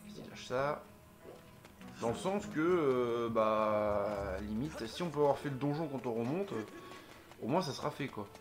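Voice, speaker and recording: A man's voice: medium pitch, animated, measured pace. A man giving casual gameplay commentary as a let's play host, thinking aloud and hesitating with many fillers. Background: game music.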